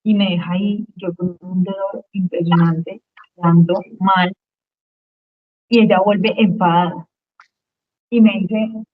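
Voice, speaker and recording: A woman's voice: on the low side, steady tone, takes it slowly, pauses often. A woman giving a personal faith testimony as a guest, speaking earnestly and emotionally and repeating phrases for weight. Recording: tinny phone-line sound.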